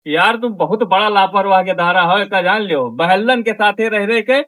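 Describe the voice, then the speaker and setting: A man's voice: high voice, normal speed, a bit bright, no echo. A man playing a strict village father in a comedy skit, scolding and insistent, with an Awadhi accent. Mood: nagging, scolding.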